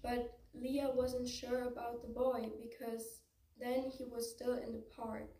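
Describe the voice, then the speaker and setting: A young teenage girl with a German accent tells a story in halting English. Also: fairly high pitch, little pitch movement, mellow. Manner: halting non-native English. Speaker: student storyteller. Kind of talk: telling a story to listeners. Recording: roomy, distant, faint noise.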